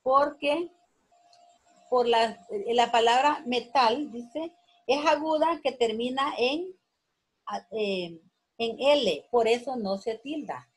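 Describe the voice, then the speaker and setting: A woman teacher walks pupils through a spelling exercise at an unhurried, careful pace, drawing out each word. Her voice sits a little high and has a husky edge. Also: low-quality recording. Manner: slow, patient, repeating words syllable by syllable. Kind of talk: classroom lesson on accents.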